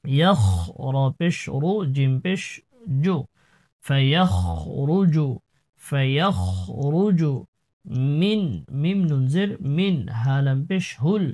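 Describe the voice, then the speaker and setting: A man teaching Quran recitation in a lesson, spelling each syllable and then chanting the whole word in a slow, drawn-out way. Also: high-pitched, warm tone.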